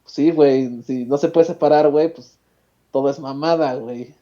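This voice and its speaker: A man's voice: medium pitch, steady tone, normal speed, mellow. A man with a Mexican accent, a podcast co-host tossing in lazy slangy quips. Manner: lazy slangy quips, says güey a lot. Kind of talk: casual comedy banter. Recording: dull lo-fi podcast audio.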